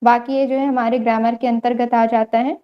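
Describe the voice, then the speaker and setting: A woman's voice: a little high, flat delivery, a little fast, highs cut off. A young woman teaching an online yoga theory class, explaining step by step and checking in often with her students. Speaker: yoga lecturer.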